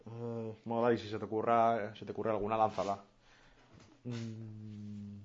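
A man's voice: fairly low pitch, monotone, unhurried, a little hiss or hum. A man from Mallorca hosting a live stream, chatting casually with slang and answering viewers' questions. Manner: casual, slangy, laughs a lot. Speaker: streamer host. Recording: dull lo-fi stream audio.

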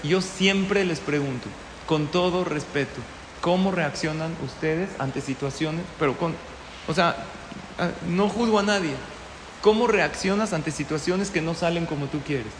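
A man giving a storytelling sermon, an animated teacher who keeps asking his listeners questions. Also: on the high side, a little slow, noisy background. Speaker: religious teacher. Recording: echoey hall with long reverb.

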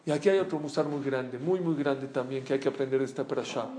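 A man giving an animated, storytelling Torah lesson as a rabbi, often asking his listeners questions. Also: medium pitch, fast talker, a little hiss or hum. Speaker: rabbi teaching a Torah class.

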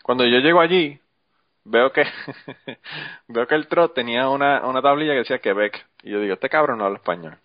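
A man's voice: mid-range voice, normal speed, long pauses, no room sound, highs cut off. Profane storytelling man on a podcast. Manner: profane, storytelling, laughs often. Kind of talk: casual chat.

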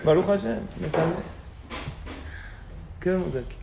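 A man's voice: sits high, animated, moderate pace, creaky, noisy background. A man giving a religious talk to an audience, telling stories and asking them questions. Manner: storytelling, asks the audience questions. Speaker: rabbi lecturer. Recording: echoey room with faint ambience.

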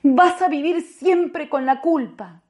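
A woman's voice: high voice, takes it slowly, darkish tone, voice pushed up. A woman doing a pious, insistent Argentine woman. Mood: scolding. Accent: Argentine Spanish. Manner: pleading, raised, urgent. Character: pious middle-aged woman, insistent, scolding.

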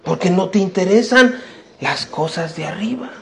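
A man's voice: high-pitched, lively intonation, moderate pace. A man, a pastor, preaching a sermon to young people in a church, emphatic and full of repeated rhetorical questions. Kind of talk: sermon to youth.

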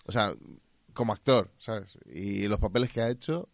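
A man talks about films in a slightly low voice. His manner is relaxed and agreeable, with a loose, chatty flow. The sound is dry and close. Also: moderate pace, no echo. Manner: relaxed, agreeable, many fillers like ¿sabes?. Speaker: podcast co-host. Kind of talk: casual film review chat.

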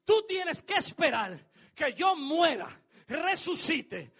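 A man voicing Jesus as a calm, patient teacher within a sermon. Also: very high-pitched, slow, gravelly, exaggerated voice.

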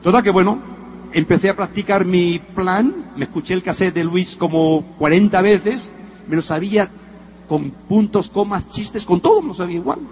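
A man's voice: sits high, normal speed, a little hiss or hum. A middle-aged man from Spain with a Spanish accent, giving a motivational talk as a story and acting out the dialogue to his audience. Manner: animated storyteller acting out dialogue, addressing listeners directly. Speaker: motivational speaker.

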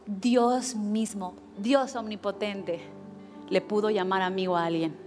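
A woman pastor preaching a sermon, telling a lively personal story and acting out quoted lines. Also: mid-range voice, unhurried, faint music behind. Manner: animated storytelling with acted quotes.

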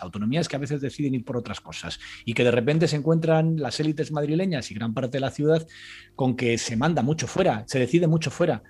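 A man's voice: mid-range voice, darkish tone, slightly rough. A man giving analytical, emphatic commentary on a talk show as a political analyst.

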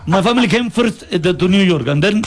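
A rambling immigrant cab driver, as a man puts him on, who is proud and talkative. His English halts and restarts. The voice sits high and keeps breaking into laughter. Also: animated, fairly quick, crowd noise.

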